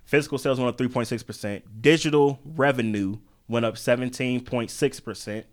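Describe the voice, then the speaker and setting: A man at a middle pitch, running a relaxed podcast conversation about record labels. He talks loosely, with slang and many filler words. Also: fairly quick. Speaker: podcast host. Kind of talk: casual chat about music business.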